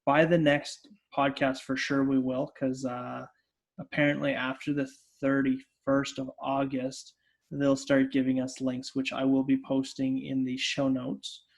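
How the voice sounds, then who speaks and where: Man with a gravelly, monotone voice, steady podcast co-host. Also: medium pitch, measured pace. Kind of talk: casual chat.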